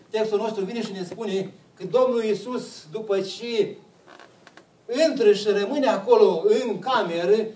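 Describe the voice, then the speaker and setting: A man's voice: high voice, dark tone, roomy sound, recorded from a distance, rough recording. A man preaching a sermon, putting questions to the congregation and answering them himself.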